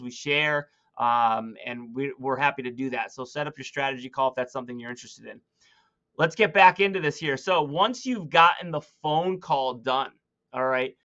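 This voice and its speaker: A man with a fairly high, bright, forceful voice coaches new real estate agents in a loose, chatty way. He fills his talk with "um" and "you know". The recording is dull and lo-fi. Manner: loose and conversational, with many fillers; acts out phone calls in brighter, higher voices. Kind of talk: casual coaching talk to camera.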